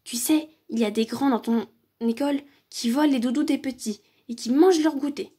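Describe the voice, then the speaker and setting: A woman's voice: high voice, a little fast, warm tone, slightly rough. A woman voicing a grumpy, sneaky little imp creature in a read-aloud children's story, grumbling and hissing insults.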